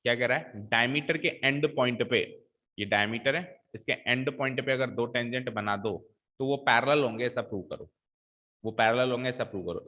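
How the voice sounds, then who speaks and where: A male maths teacher with a medium-pitched voice talks his students through a geometry solution step by step at the blackboard, coaxing them along with "ठीक है" and checking they're keeping up. The audio is thin and tinny, like it's coming over a phone line.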